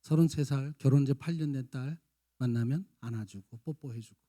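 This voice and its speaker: Man preaching with acted-out shouts. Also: mid-range voice, fairly quick. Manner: acts out parents' and children's lines, jumping between shouts and soft coaxing. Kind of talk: sermon. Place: church sanctuary.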